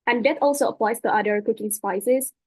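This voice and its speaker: A young woman from Indonesia speaks a little fast in a husky, fairly high voice while walking through slides for a webinar talk. Her delivery is hesitant, packed with fillers and restarts, and there's no echo.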